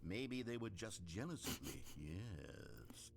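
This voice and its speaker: A man's voice: deep voice, big pitch swings, slow pace, creaky, background noise, heavily acted. An actor playing a bitter, self-pitying male video game narrator with a theatrical delivery. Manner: theatrical, swinging from hushed to indignant.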